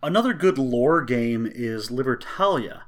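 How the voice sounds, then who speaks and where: A man's voice: medium pitch, animated, unhurried, a bit bright. A man co-hosting a casual board game discussion, talking through games with enthusiasm. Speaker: co-host.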